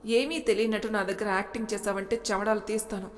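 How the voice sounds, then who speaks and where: A woman's voice: medium pitch, fairly even intonation, fast, lightly acted. Bossy threatening young husband, as a woman reads him. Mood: stern. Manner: commanding, menacing. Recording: long reverb.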